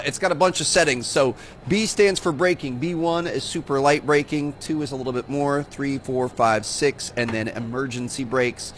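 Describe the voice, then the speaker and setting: Chill young guy doing casual game commentary, says dude a lot, average pitch, faint noise behind. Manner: laid-back, chatty, says "dude" often. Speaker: gaming channel host.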